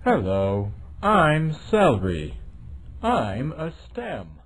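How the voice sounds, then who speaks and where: Man voicing a slow, swooping talking vegetable. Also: a little high, huge pitch swings, slightly rough, exaggerated voice. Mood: slow, friendly. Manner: talking vegetable, drawn-out introduction. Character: slow, friendly talking celery stalk in educational cartoon.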